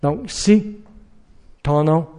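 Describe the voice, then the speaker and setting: A man preaching a sermon in an earnest way, asking rhetorical questions and acting out shouted warnings. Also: fairly high pitch, very slow, clean tone.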